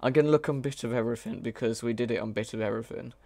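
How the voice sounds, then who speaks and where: Man, gravelly voice, casual live-coding chatter, halting and self-correcting. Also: medium pitch, dark tone, no room sound. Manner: thinks aloud, hesitant, self-correcting. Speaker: mod developer streaming live.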